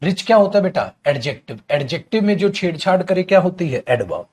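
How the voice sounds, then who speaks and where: A grammar teacher with a Hindi accent gives an online class, his somewhat high voice rising and falling a lot. He explains patiently and fondly calls his students "beta". He keeps asking the class questions and then answering them himself. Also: big pitch swings, fast, darkish tone.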